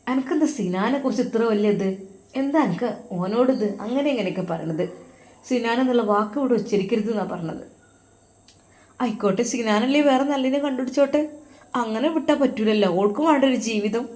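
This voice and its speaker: A woman's voice: a little high, fairly quick, darkish tone, natural voice. A woman with a Malappuram accent voicing a caring elder sister-in-law who pleads in a tearful tone. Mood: sorrowful. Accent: Malappuram Malayalam.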